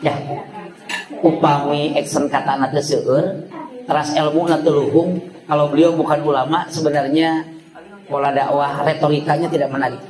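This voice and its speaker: A man with a Sundanese accent preaches in a lively, joking way and sometimes imitates sounds. His voice sits a little high for a man. It rings in an echoey room, with an audience clearly heard around him. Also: normal speed, a crowd in the background. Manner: switches between Indonesian and Sundanese, jokes, imitates sounds. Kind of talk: lively sermon to a women's study group.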